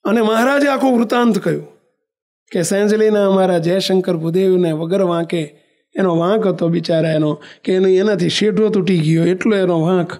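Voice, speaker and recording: High-voiced preacher telling a story. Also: male voice, moderate pace. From western India. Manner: animated storyteller who acts out dialogue and chants verses. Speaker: religious preacher. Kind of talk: devotional storytelling sermon.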